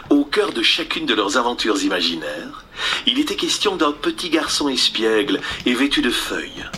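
A man narrating a fairy tale in a lively way, addressing the listener directly. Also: fairly low pitch, a little hiss or hum. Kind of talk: storybook narration.

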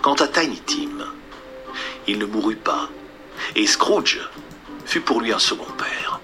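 A man narrating a storybook in a soft, hushed delivery that often drops to a near whisper. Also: fairly low pitch, expressive, slow pace. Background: music.

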